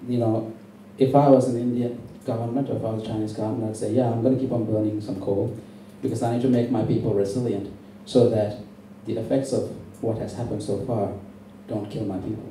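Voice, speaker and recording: A Sri Lankan-born man delivers an impassioned political speech at an indoor public meeting, his rhetoric emphatic, intense and deliberate. His voice sits on the low side, mellow and steady in tone. The hall recording sounds very echoey, distant and faintly noisy.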